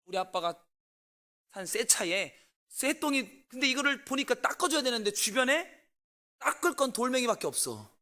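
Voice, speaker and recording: A man in his forties, a pastor telling a family story in a sermon and asking the congregation questions, with loud bursts and quiet asides. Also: very high-pitched, moderate pace. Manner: animated, swings between loud outbursts and quiet asides.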